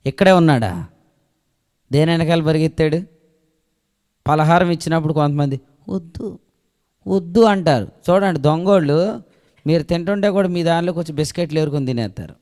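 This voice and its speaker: A man's voice: a little high, fairly quick, pauses often. Emphatic preaching man, echoing hall. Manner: preaching with rhetorical questions to the congregation; emphatic, swinging between loud declarations and soft asides. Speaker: pastor. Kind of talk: Telugu sermon. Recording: long echo of a hall.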